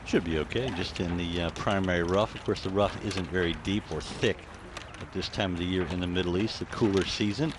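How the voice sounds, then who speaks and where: A man's voice: low-pitched, brisk, few pauses, noisy background. A man working as a golf commentator, giving live, conversational commentary.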